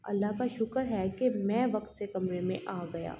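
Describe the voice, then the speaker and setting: A woman's voice: medium pitch, lo-fi sound, a little hiss or hum, natural voice. A woman reading the part of an angry, protective young man in an audio novel, in her own voice. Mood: insistent. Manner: demanding, stern.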